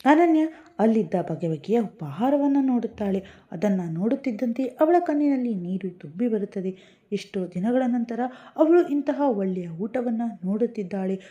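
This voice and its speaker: A woman narrating a love story in scripted, even, descriptive storytelling. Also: fairly high pitch, moderate pace, highs cut off.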